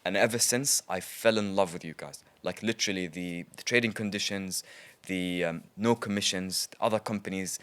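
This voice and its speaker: Male trader guest with a lowish voice, chatty and lively in casual conversation. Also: moderate pace, clean tone. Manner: chatty, lively storytelling with frequent ums. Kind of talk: casual interview storytelling.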